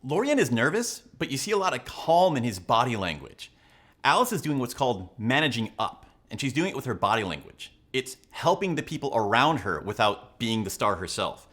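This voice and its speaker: A man's voice: medium pitch, very animated, fairly quick, fairly bright tone. A man presenting analytical commentary to viewers as a coach, with an emphatic, instructional way of talking. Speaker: body language and leadership coach, video host.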